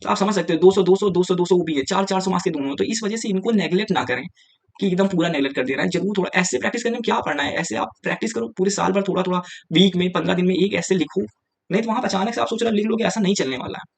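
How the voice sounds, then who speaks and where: A man's voice: high-pitched, racing, creaky. A young man teaching exam preparation in a casual, direct lecture, switching between Hindi and English and often saying "yaar" to his viewers.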